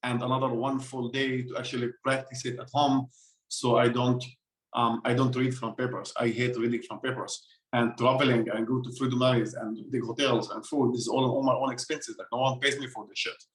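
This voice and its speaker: A man's voice: mid-range voice, level tone, fairly quick. A man from Israel, a guest on a podcast interview, speaking emphatically and often repeating words as he searches for them. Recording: roomy echo.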